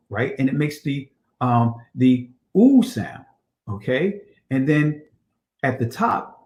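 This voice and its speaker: A man teaching from slides in a conversational way, often checking in with "right?" and pausing on fillers. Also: medium pitch, darkish tone. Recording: roomy echo.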